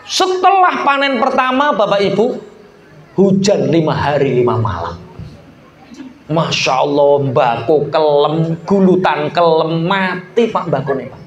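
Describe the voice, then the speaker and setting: A man's voice: fairly high pitch, unhurried, roomy sound, a little hiss or hum. A male preacher with a Javanese accent, telling humorous stories in a sermon. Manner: lively, humorous storyteller. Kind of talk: sermon with storytelling.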